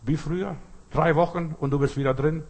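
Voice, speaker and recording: A man's voice: on the high side, fairly even intonation, fairly quick, gravelly, a little mellow, husky. A man in his fifties or older, a native Lithuanian speaker, preaching a sermon emphatically and repetitively, speaking straight to the listener.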